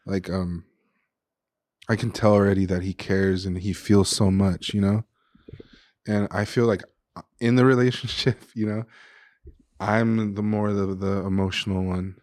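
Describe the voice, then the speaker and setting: A man's voice: lowish voice, little pitch movement, measured pace, pauses often, darkish tone, no echo, clean studio sound. A young man, a podcast guest, talking casually and openly about his feelings, recorded in a living room. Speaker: podcast guest, chef and restaurant owner. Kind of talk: casual conversation.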